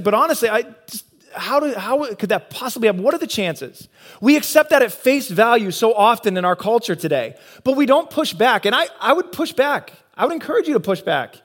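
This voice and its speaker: Guy with a pretty high voice preaching, earnest, lots of rhetorical questions and pauses. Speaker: pastor. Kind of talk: sermon.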